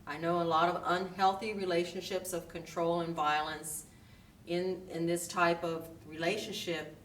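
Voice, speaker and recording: A woman's voice: lowish voice, little pitch movement, normal speed, fairly bright tone. A woman in her fifties from Washington State, talking earnestly and reflectively with her grown child in a family interview. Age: 50s. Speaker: interviewee, parent. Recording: roomy, distant mic with faint hiss.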